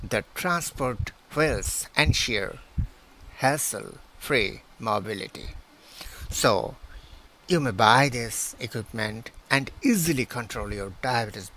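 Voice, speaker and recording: Slow, halting man. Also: mid-range voice, expressive, bright, forceful tone, a little hiss or hum. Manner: halting, many hesitations, reads list items one by one. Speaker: pharmacist and channel host. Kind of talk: product promotion, reading out specs. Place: outdoors beside plants. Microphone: phone held at arm's length.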